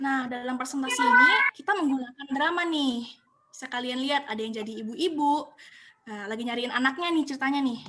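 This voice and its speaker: A young woman presenting a webinar, giving casual tips in a chatty, encouraging way with frequent filler pauses, over a computer mic. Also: sits high, noisy background.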